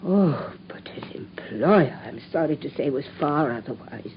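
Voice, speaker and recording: In a radio drama, a woman plays an anxious widowed landlady, a middle-aged mother who is distraught, pleading, and breaking into tears. Her voice is low-pitched with lively intonation at a measured pace, on a muffled recording with a noisy background.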